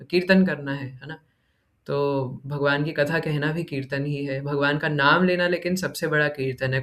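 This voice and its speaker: A man's voice: a little high, fairly bright tone. Man giving a chatty scripture class. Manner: keeps asking "है ना?" as a tag question; mixes in English words and recites verses. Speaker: devotional class speaker.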